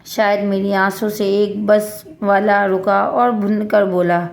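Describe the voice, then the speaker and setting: A woman's voice: mid-range voice, little pitch movement, vocal fry. Woman narrating a sorrowful story. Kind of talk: scripted first-person story narration.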